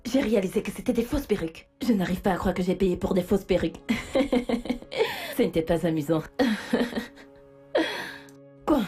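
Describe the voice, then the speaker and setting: A woman's voice: medium pitch, lively intonation, unhurried, pauses often, warm tone, faint music behind, natural voice. A woman voicing a distraught, panicky woman who pleads and sobs, in a dubbed film. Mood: frantic. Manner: frantic, pleading, breaking into sobs.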